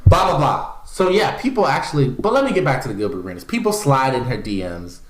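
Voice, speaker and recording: A man's voice: mid-range voice, fast talker. A man co-hosting a casual podcast, telling stories animatedly and acting out what others said. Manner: animated storyteller, acts out quotes. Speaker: podcast co-host. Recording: echoey room.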